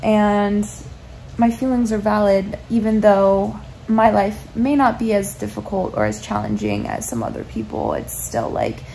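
A woman's voice: mid-range voice, lively intonation, unhurried, creaky, a little hiss or hum, rough recording. A woman in her twenties, lying in bed, chatting casually into a phone camera about her life in a reflective, meandering way. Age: 20s. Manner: reflective, meandering, soft-spoken. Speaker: vlogger. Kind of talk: casual confessional chat. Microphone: phone camera held at arm's length.

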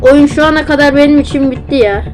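A woman's voice: high-pitched, fast talker, music in the background. A woman with a Turkish accent giving casual, self-mocking commentary as she plays a horror game, talking into a facecam at home. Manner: chatty, self-mocking, easily flustered. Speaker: gamer playing a horror game. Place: at home, seated. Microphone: facecam with built-in mic.

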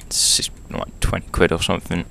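A man's voice: normal speed, bright, forceful tone, a little hiss or hum. A hungover young man talking offhand and chattily, casually showing his kit as a motorcycle vlogger. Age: young adult. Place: small bedroom indoors.

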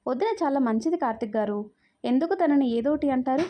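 A woman's voice: high-pitched, expressive, fairly quick, dark tone. A woman storyteller voicing a shy, polite young bride in a spoken story.

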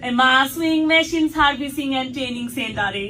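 A woman's voice: high-pitched, fairly quick, sharp tone, recorded from a distance, a little hiss or hum. A woman playing a helpful village woman in an advert dialogue, speaking Bangladeshi dialect with a Sirajganj accent. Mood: chatty, helpful. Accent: Sirajganj regional Bangladeshi. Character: helpful village woman recommending a local shop.

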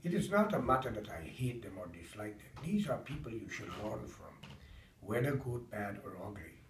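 A man's voice: on the low side, very animated, moderate pace, a little hiss or hum. A middle-aged man from Guyana with a Guyanese accent, giving an impassioned political rant straight to the camera from his dining room. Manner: impassioned, preachy, rising to loud emphatic peaks. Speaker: political commentator. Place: home dining room, indoors. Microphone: camera several feet away. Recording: roomy, distant camera mic.

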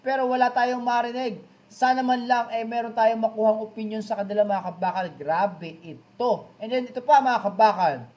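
A man's voice: high voice, fairly even intonation, normal speed, darkish tone. A man hosting a vlog, reading comments aloud and reacting with chatty, dramatic exclamations, peppering his lines with a nickname for his fans. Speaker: boxing news vlogger.

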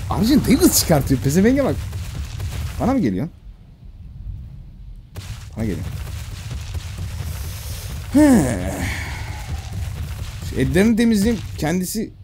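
A man giving casual, excitable gameplay commentary, full of slang and talking straight to the game creatures. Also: on the high side, measured pace, long pauses, a little hiss or hum. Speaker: gamer streaming a survival game.

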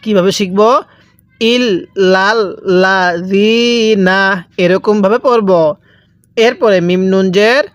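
Smooth-voiced Quran reading teacher, man. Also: high voice, fairly even intonation, slow pace, long pauses, dry recording, faint music behind. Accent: Bangladeshi Bengali. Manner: drills letter by letter, asks and answers own questions. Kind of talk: slow spelled-out recitation lesson.

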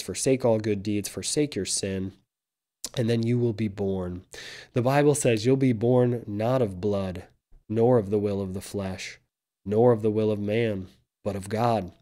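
A man preaching an evangelistic sermon with an intense, warning delivery, swinging from loud pleading to quiet, grave tones. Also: on the low side.

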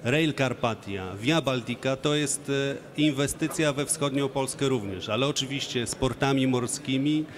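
A man's voice: medium pitch, moderate pace, hardly any pauses. A man speaking formally and measuredly on a conference panel, with frequent hesitations, into a handheld mic. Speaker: minister on panel. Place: large conference stage.

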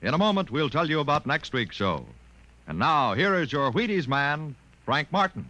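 A man announcing in a formal, measured 1950s radio style, heard from an old broadcast disc transcription. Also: a little high, big pitch swings, bright, forceful tone, poor audio.

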